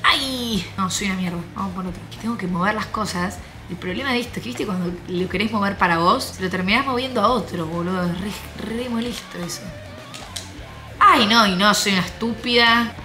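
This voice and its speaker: A young woman with an Argentine accent, commenting on her own gameplay, muttering softly while she plays and breaking into high shrieks. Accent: Argentine Spanish. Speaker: gaming YouTuber.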